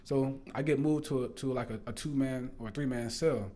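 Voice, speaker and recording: A man tells his personal testimony in loose, casual talk at an ordinary mid pitch. He rambles and circles back, packing his sentences with fillers and restarts. He keeps swearing earnestly that every word is true. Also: brisk, dark tone. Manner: rambling, repeats fillers and "bro", restarts often. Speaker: storyteller sharing a faith testimony.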